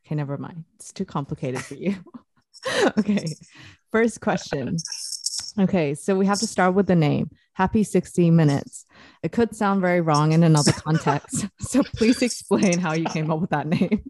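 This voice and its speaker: Teasing woman podcast host, lower voice. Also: moderate pace, a little mellow, no room sound. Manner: teasing, laughing often. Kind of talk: casual podcast chat.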